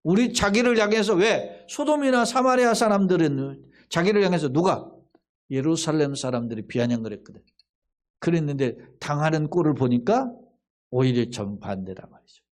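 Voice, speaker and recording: Male pastor, middle-aged, midweek Bible sermon, fairly high-pitched, conversational, rhetorical questions, acts out quotes. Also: lively intonation, moderate pace.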